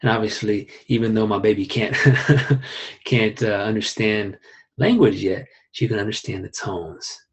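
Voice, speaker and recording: Calm husky male qigong teacher. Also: fairly low pitch. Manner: calm, unhurried, with rising emphasis and soft asides. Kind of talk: live online class teaching.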